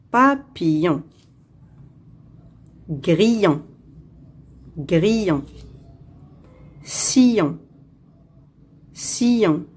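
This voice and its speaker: A woman teaching a French phonics lesson, with an Arabic-speaking accent, saying each word slowly twice and counting its syllables. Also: lowish voice.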